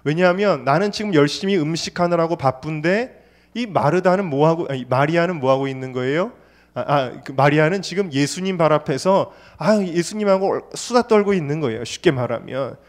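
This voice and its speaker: A man's voice: on the high side, brisk. A male pastor preaching a Sunday sermon in church, asking the congregation rhetorical questions and stressing points by repetition. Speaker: senior pastor. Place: church service.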